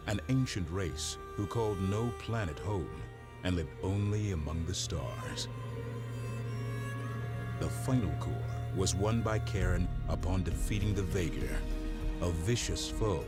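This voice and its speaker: Deep, grave space-saga narrator. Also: male voice. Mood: solemn. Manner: measured, portentous. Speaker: narrator of a game story intro. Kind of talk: solemn scripted narration. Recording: loud music under the voice. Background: loud music.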